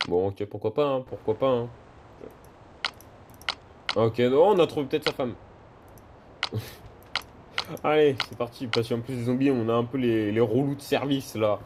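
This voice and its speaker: With loud game music and a noisy background, a man hosts a casual let's-play video, cracking jokes and getting excited as he addresses viewers and in-game characters. His voice is medium-pitched at a normal speed, broken by long pauses.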